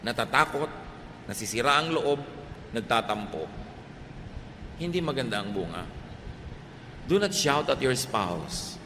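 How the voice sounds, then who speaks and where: A middle-aged Filipino man preaching a sermon, shifting between Tagalog and English and swinging from loud emphasis to soft, quiet lines. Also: mid-range voice, very animated, unhurried, long pauses, a little hiss or hum. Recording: reverberant hall, faint ambience.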